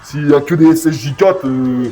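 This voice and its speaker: A man with a high-pitched voice delivers a casual video review. He rants bluntly in crude slang, talking straight at his viewers, with music behind him. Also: moderate pace, mellow. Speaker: YouTube anime reviewer. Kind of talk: casual review commentary rant.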